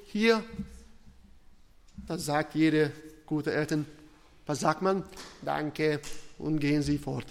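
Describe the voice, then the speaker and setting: A man preaching a sermon and reading scripture, deliberate and emphatic, with pauses between phrases. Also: on the high side, in a large hall.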